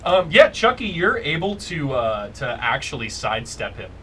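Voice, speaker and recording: A man's voice: fairly high pitch, big pitch swings, moderate pace, a bit bright, slight background noise. A man improvising casual narration as game master of a tabletop role-playing game.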